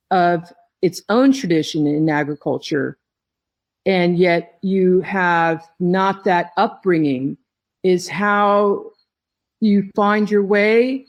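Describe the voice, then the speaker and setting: Woman, podcast guest, tea business head, measured unhurried speech, thoughtful pauses. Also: medium pitch, lo-fi sound. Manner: slow, reflective, phrases broken by pauses. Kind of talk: interview answers.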